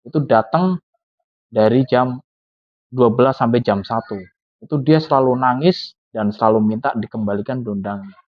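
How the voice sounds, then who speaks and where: A man's voice: medium pitch, normal speed, pauses often, no room sound, natural voice. A man voicing a grieving middle-aged father who earnestly explains what he has been through, on a tinny, phone-like recording. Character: grieving middle-aged father haunted by his dead daughter.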